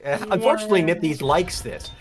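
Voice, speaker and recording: A man's voice: a little high, animated, fast, crowd noise. Playful teasing man in his forties. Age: 40s. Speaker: co-op player. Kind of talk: casual gaming chat.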